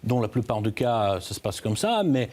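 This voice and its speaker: A man with a lowish, slightly mellow voice and big pitch swings provides live news analysis as a correspondent, with a little background noise. His delivery halts and hesitates, with words repeatedly restarted.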